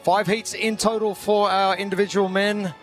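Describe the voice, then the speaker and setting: A man anchors live sports commentary in a high-pitched voice. Music plays faintly behind him as he presents the competition. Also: flat delivery, normal speed, a bit bright.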